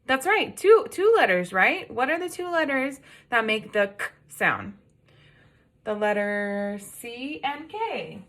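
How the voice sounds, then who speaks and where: A woman teaching kindergarteners to sound out words, her highish voice swooping up and down in a sing-song way. She talks slowly and patiently, coaxing answers with gentle questions. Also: big pitch swings. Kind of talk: phonics lesson to young children.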